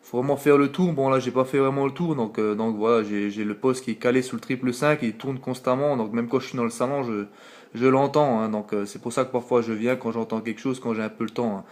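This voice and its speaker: A French-accented CB radio operator talks into his radio mic at home during a late-night contact, rambling casually with many fillers, filmed on a phone. His mid-range voice is brisk, fairly even in intonation and darkish in tone.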